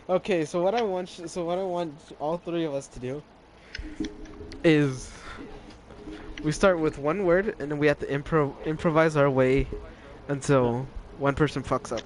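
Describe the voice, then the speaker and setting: A man's voice: fairly high pitch, moderate pace. A young man co-hosting a casual podcast, joking and teasing his friends. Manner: joking, teasing, laughs often. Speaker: podcast co-host. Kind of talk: casual chat.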